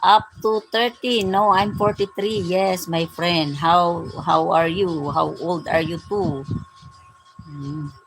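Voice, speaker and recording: A woman's voice: on the low side, fairly even intonation, slow, noisy background. A Filipino woman in her forties hosting a casual live-stream vlog, greeting her viewers with a repeated "my dear, my friend". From Philippines. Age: 40s.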